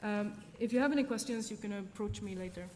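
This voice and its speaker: A Swedish-native woman gives a conference talk and answers Q&A in a large lecture hall, thinking aloud with frequent ums and restarts. Her mid-range, darkish voice is fast. The hall adds long reverb, with faint noise beneath.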